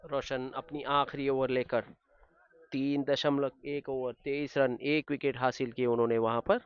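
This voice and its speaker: Man, excited cricket commentary, very clean smooth voice, dry slightly dull recording. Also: mid-range voice, unhurried, no room sound. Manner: excited on big shots.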